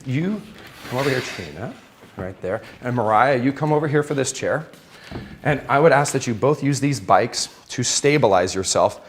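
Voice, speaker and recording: A man's voice: medium pitch, animated, moderate pace, slight background noise. A man giving a live exercise demonstration as an instructor, explaining in an informal, conversational way to participants. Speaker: fitness instructor. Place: indoor aerobics room with exercise bikes. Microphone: worn clip-on or headset mic.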